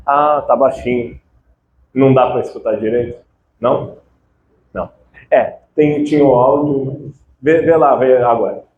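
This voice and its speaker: A man giving an informal lecture to a live audience, animated and conversational, tagging his sentences with quick confirmations. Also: medium pitch, phone-quality sound. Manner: animated, conversational, frequent "né" tags. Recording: echoey room with faint background noise.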